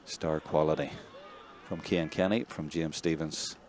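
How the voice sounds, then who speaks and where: A man with a Northern Irish accent giving live play-by-play commentary, chatty between plays and excitable when a score comes. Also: extremely low pitch, a little slow, a little hiss or hum. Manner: conversational, excitable on big plays. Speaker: match commentator.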